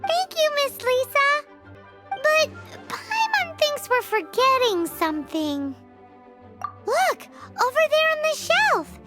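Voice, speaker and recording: A woman voicing a tiny, excitable female fairy companion in a video game who talks about herself in the third person and is quick to grow suspicious. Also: extremely high pitch, exaggerated voice. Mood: chatty. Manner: suspicious, whiny protests. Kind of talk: game voice acting. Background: game music.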